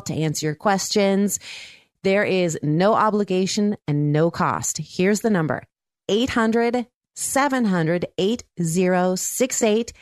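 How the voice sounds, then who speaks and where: A woman's voice: mid-range voice, no echo. A woman hosting a mortgage radio show from her home studio, chipper and chatty. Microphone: studio mic.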